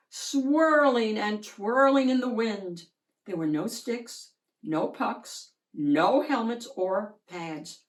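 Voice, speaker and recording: Reading a children's picture book aloud, a woman with a medium-pitched voice tells the story in an expressive, deliberate way, drawing out her words.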